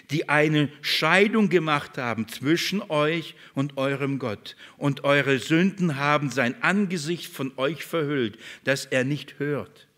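A man preaching a sermon to his congregation, asking questions and answering them himself, swinging between loud passages and hushed ones. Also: a little high.

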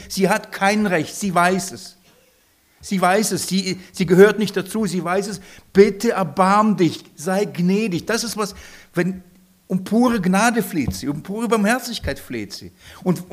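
A man preaching a sermon with passion, often restarting and repeating his phrases. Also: fairly high pitch.

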